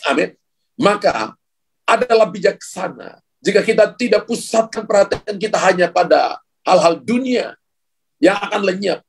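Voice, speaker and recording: A man's voice: high-pitched, expressive, moderate pace, gravelly, slight background noise. A male pastor preaching a sermon, speaking emphatically and addressing the congregation directly.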